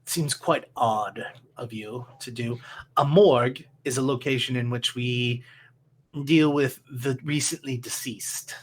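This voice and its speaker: Man playing a curt, low-voiced tiefling morgue keeper. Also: unhurried, husky, rough recording. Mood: dry, curt. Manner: dry, formal, condescending. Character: tall gaunt male tiefling morgue keeper, curt, dry, unimpressed.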